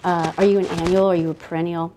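A woman's voice: fairly low pitch, flat delivery, fast, dark tone, a little hiss or hum. A woman in her thirties, a guest author talking casually at a library event, rambling with many fillers and restarts. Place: library event room, indoors.

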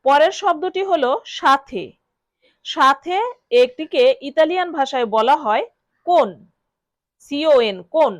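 Woman teacher, Bengali accent, high voice, dry close sound, repeats words slowly. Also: lively intonation, no echo. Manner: repeats each word slowly for learners to copy. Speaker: language teacher. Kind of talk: instructional lesson.

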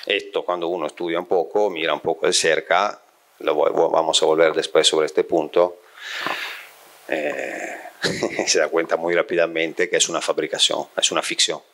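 A man's voice: extremely low pitch, little pitch movement, normal speed, a bit bright. A middle-aged man from Italy giving a lecture to a live audience in a small room, speaking into a handheld mic and often checking in with his listeners. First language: Italian. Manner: frequent checking questions to the audience, thinking aloud. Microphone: handheld microphone.

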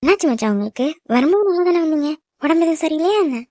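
Fast high Tamil-accented woman for a cartoon dub, sharp scolding delivery, dry close recording. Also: lively intonation, no room sound. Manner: scolding and teasing. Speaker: voice actor in a cartoon. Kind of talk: animated cartoon dub acting.

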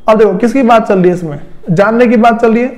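Guy with a high voice teaching grammar, keeps asking questions then answering them. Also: fast talker, a little mellow. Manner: repetitive, rhetorical questions to students. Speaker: English teacher. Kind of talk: classroom lesson explaining grammar.

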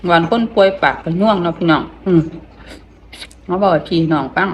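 A middle-aged woman with an Isan accent chats casually while eating, talking with her mouth full, haltingly, repeating phrases and murmuring between them. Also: on the low side, a little hiss or hum. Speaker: vlogger.

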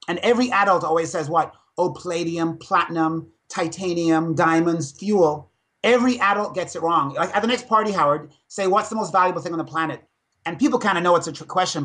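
A man in his fifties, a dentist and fitness speaker, telling stories with energy in a podcast interview. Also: high voice. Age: 50s. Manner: animated storytelling, energetic.

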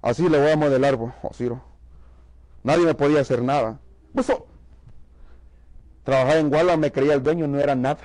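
A man's voice: a little high, brisk, long pauses, a little mellow, poor audio. A man from Mexico preaching to a church congregation, giving an emphatic testimony and calling the listeners brother. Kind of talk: sermon testimony.

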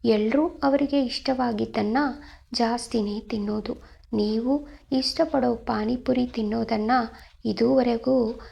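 Woman doing a young wife, earnest and wistful, gravelly mellow voice. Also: on the high side, steady tone, a little slow, lo-fi sound, full character voice. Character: young married woman, sorrowful but caring.

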